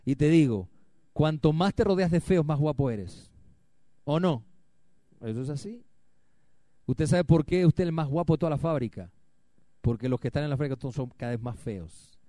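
A male pastor preaching a sermon to his church, firing rhetorical questions at the congregation and swinging from loud, emphatic lines to quiet ones. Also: fairly high pitch, lively intonation, normal speed, long pauses, dry recording.

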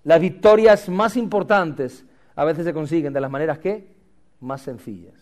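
A man's voice: a little high, moderate pace, darkish tone. A male pastor delivering a dramatic sermon, with humorous asides and lines the congregation repeats back. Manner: dramatic, calls for congregation responses.

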